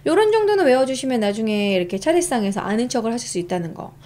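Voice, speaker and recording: A young woman hosts a casual live-stream history lesson, her voice sitting a little high. She swings up and down a lot in pitch as she chats, reads her notes aloud and answers her viewers. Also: big pitch swings, fast, a little mellow. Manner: chatty, reads out and reacts to chat.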